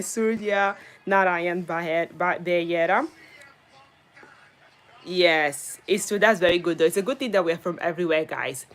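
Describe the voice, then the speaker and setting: A woman's voice: mid-range voice, fairly bright tone. A young woman from Italy hosting a casual livestream, chatting with viewers and telling a story about her first job. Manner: chatty, greets viewers by name between story bits. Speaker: livestream host.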